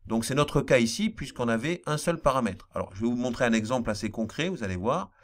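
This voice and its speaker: A man's voice: medium pitch, expressive, fast talker. A man teaching a programming lesson, explaining step by step and repeating key points, with a slight accent he apologizes for. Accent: non-standard accent he apologizes for. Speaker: math teacher. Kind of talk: screen-recorded programming lesson.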